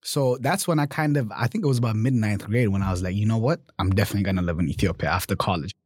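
A young man from Germany talks through his own story in a relaxed interview, with a lowish voice and dry, close sound. He is animated, checking in with "right?" and "you know" as he goes. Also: racing, slightly rough, dry recording. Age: 20s. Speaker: guest. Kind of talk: casual interview conversation.

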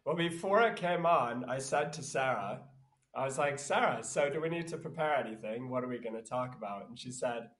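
A man with a croaky voice from being sick, chatting casually as a podcast co-host with mock-dramatic, boastful storytelling. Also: medium pitch, animated, brisk, fairly bright tone.

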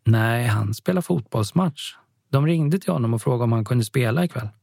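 A man voicing a friendly middle-aged mother welcoming a guest to dinner, lifting his voice higher, with a husky tone. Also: expressive, no echo, studio quality. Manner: warm, chatty, hospitable.

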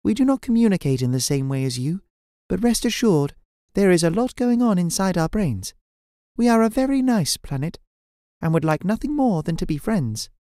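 Man doing a friendly little alien, polite, formal, calm, high lifted voice, dry recording. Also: normal speed, no room sound. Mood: welcoming. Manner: calm, formal, welcoming speech. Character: small gentle four-eyed alien, polite and friendly.

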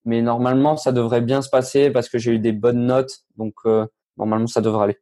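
Speaking briskly in a level, mellow, mid-range tone, a teenage boy who plays tennis handles interview questions casually. He hesitates often, filling gaps and restarting his sentences.

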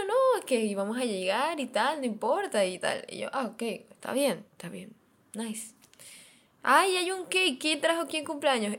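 A young woman, chatting on her podcast about her week. She talks in an animated way and repeats little phrases for effect, with a pitch that sits in the middle for a woman. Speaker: podcast host. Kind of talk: casual storytelling chat.

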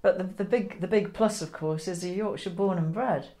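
A woman hosting a casual interview, chatty and gently teasing her guest. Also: lowish voice, normal speed. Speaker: interviewer, host.

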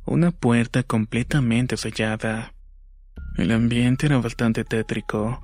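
A man giving a slow, measured scripted narration of a horror story. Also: mid-range voice, steady tone, darkish tone, dry recording, faint music behind.

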